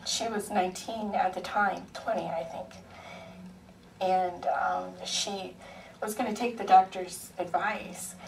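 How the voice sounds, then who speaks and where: A soft-voiced woman in her 40s from Ohio, USA, speaks slowly in a mid-range voice, giving personal testimony as unhurried storytelling filled with frequent ums. She's recorded on a far mic in an echoey hearing room with faint noise.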